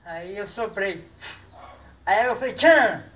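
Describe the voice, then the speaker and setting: A man telling a comic story as a clown, animated and full of exaggerated exclamations and sound effects. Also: sits high, moderate pace. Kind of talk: comic storytelling duo routine. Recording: distant, dull mic with faint noise.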